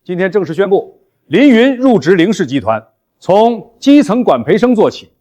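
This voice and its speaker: A man's voice: high voice, big pitch swings, moderate pace, warm tone. An actor playing a middle-aged company chairman and father making formal announcements. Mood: authoritative.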